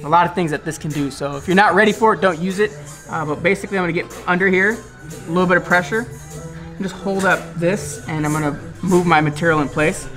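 A man's voice: sits high, a bit bright, faint music behind. A man explaining vinyl wrap work step by step in a large indoor car shop, talking practically to the camera. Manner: quick, practical, instructive.

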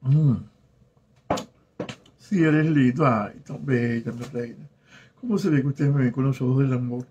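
A man in his forties, a former telenovela actor, chatting casually on a live stream, greeting viewers by name with warm, flirtatious charm. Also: medium pitch, highs cut off, a little hiss or hum. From Venezuela. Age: 40s. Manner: warm, flirtatious, reads viewer names aloud haltingly. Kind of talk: casual live-stream chat reading comments. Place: home in South Florida.

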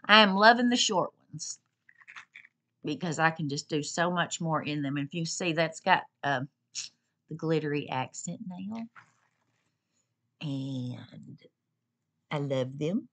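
Pausing often and speaking slowly, a woman gushes over a shopping haul in a casual home video, repeating herself while her pets are nearby. Her low voice is animated, pushed, and bright.

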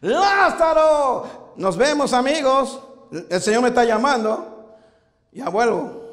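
A man's voice: very high-pitched, a little slow, in a large hall, exaggerated voice. Lazarus, a preacher playing an eager risen man. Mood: hurried. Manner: excited, insistent, interrupting.

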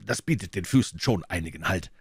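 A man voicing a calm, dry-witted male detective with a measured, polite manner, in an audiobook reading. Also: sits low, slightly rough, no room sound, exaggerated voice.

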